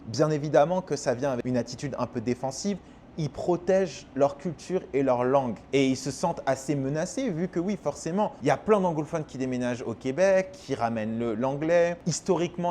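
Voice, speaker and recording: A man in his thirties with a French accent talks casually and frankly, filling pauses with little hesitations and repeating words for emphasis. His voice sits at an ordinary pitch and has a mellow, relaxed tone. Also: a little hiss or hum. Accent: French, slightly Québécois-tinged. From France. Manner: chatty, frank, frequent fillers and repetitions. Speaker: host. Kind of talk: casual explanatory monologue.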